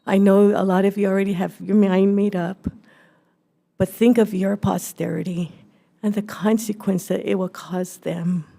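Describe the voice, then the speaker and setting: A middle-aged woman giving earnest, halting public testimony at a podium microphone in a legislative hearing room. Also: medium pitch, flat delivery, creaky, dark tone.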